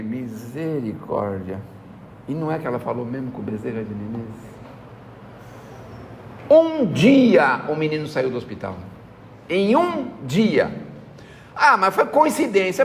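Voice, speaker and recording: This Brazilian-accented spiritist lecturer has a medium-pitched voice, recorded with a big-room sound and slight background noise. Telling folksy anecdotes in his spiritual talk, he performs the quoted voices and repeatedly tags on "né?"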